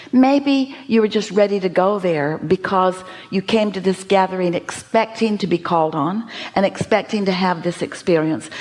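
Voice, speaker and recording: A woman's voice: mid-range voice, darkish tone. A woman teaching a seminar audience, speaking as "we" and posing emphatic rhetorical questions. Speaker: inspirational speaker.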